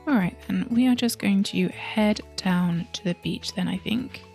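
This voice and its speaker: A woman hosting a let's play, chatting casually through her game and sometimes dropping into soft whispered asides. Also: mid-range voice, measured pace, creaky, soft background music.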